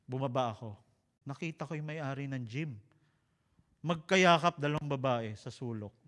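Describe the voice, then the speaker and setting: A man with a Filipino accent delivers a sermon at a moderate pace in a medium-pitched voice, with a long reverb tail trailing his words. He tells stories with energy and humor, moving between Tagalog and English.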